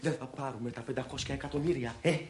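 An actor playing a boastful, excitable husband who rants with swagger about the riches he expects. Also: mid-range voice, roomy sound, slight background noise, close to an everyday voice. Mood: bragging. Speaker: husband scheming to get rich.

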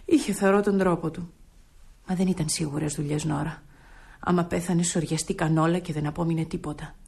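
An actress playing Christina, a weary widow worn down by years of hard work, in a radio play, speaking in a tired, earnest, measured way. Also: female voice, on the low side, fairly even intonation, gravelly, darkish tone, breathy edge.

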